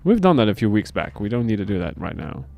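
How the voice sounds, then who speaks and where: A man's voice: fairly low pitch, fast, creaky, a little hiss or hum. A man from Finland, streaming a game and chatting casually with his viewers as he plays. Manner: relaxed, answers chat as he plays. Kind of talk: casual gameplay commentary.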